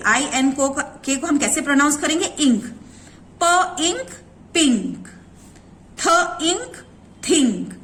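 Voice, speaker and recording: Indian english teacher lady, high voice, slow careful phonics, bit of hiss. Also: a bit bright. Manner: explains in Hindi mixed with English, sounds out phonics slowly. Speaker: school teacher. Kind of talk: recorded classroom lesson.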